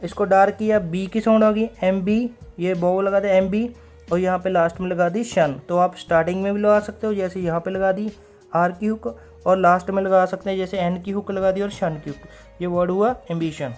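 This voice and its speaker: A man teaching a recorded stenography class, explaining step by step, repeating key words and slowing down when he reads out rules. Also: high voice, fairly even intonation, a little mellow, soft background music.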